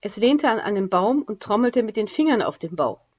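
A woman voicing a male scout giving a brisk report, in a dull lo-fi recording. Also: medium pitch, sing-song, darkish tone.

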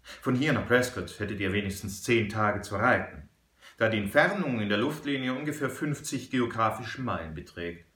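A shrewd, unhurried frontier hunter, read by a male storyteller, laying out his reasoning in a measured and firm way. The voice is bright and forceful, with a roomy echo around it. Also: fairly low pitch, animated. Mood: calm.

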